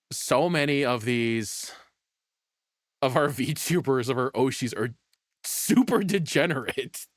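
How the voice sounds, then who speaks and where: A man's voice: medium pitch, lively intonation, takes it slowly, pauses often, dry recording, clean studio sound. A man streaming, chatting casually and rambling with a lot of swearing. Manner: rambling, swears often, laughs between words.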